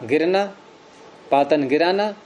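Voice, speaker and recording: A man's voice: fairly high pitch, takes it slowly, darkish tone. A man teaching a grammar lesson, explaining each step patiently and asking questions that he answers himself.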